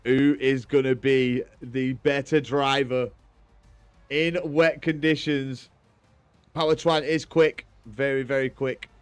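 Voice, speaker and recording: A man's voice: mid-range voice, slow pace, smooth. A British man hosting a stream and commentating on racing games in an emphatic, laddish way, mixing race calls with casual chat. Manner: excited, emphatic calling of race action, laddish. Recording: music behind the voice. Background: music.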